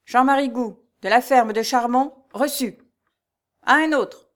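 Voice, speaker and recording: A woman's voice: fairly high pitch, a little slow, pitched above the performer's own voice, natural voice. A woman playing a blustering little steward. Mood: haughty. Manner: loud, barking, peremptory. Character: short, blustering male steward, harsh. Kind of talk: storybook reading.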